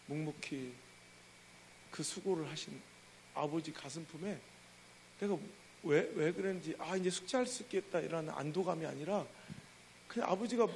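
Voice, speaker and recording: Gravelly, high-pitched middle-aged pastor. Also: male voice, slight background noise, rough recording. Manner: animated, emotional storytelling. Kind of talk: sermon storytelling. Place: church.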